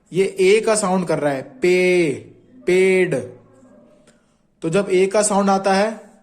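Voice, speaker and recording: A man with a fairly high voice gives a shorthand lesson. He is patient and repetitive, saying each sound aloud as he draws the strokes and checking in with viewers as he goes. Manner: patient, repeats sounds aloud while writing; often checks in with "ठीक है". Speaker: shorthand teacher. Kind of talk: Hindi tutorial explaining strokes.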